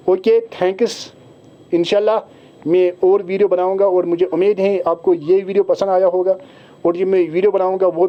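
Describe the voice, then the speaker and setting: A male teacher with a Kashmiri accent explaining an exam syllabus to his students, switching into slow, deliberate English at times. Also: high voice, mellow, a little hiss or hum. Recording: dull lo-fi recording.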